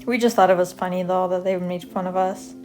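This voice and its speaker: A soft-spoken young woman from Canada, casually telling stories about her school years in a rambling, self-deprecating way while she draws, with light music playing behind her. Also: on the low side, steady tone, brisk. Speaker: vlogger. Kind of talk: casual storytelling over drawing.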